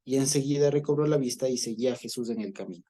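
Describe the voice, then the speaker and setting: A man's voice: medium pitch, fast talker, mellow. A man teaching a Bible study, explaining at length, repeating words and checking in with listeners.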